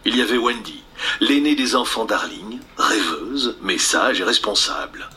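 A man narrating a fairy tale in a lively way, addressing the listener directly. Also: lowish voice, a little slow. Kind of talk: storybook narration.

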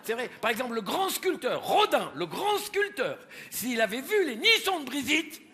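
A man in his sixties from France doing an animated stand-up routine, teasing the audience with stammering repeats. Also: very high voice, normal speed, in a large hall. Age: 60s. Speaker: stand-up comedian. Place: theatre stage before a live audience.

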